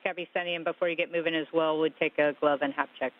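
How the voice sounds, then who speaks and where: A woman working as a spacecraft communicator in mission control, giving calm, methodical step-by-step instructions to spacewalkers over a space radio communications loop. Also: deep voice. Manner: calm, measured, methodical with frequent pauses. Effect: crackly space radio communications loop. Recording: tinny radio link with hiss.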